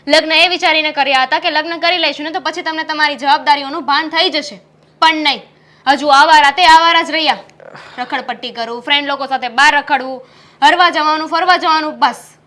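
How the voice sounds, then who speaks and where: A woman's voice: sits high, pushed and bright. An actress playing a young wife who scolds her idle husband in a short drama film. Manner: scolding, insistent. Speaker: actor as the wife. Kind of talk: Gujarati short film acting.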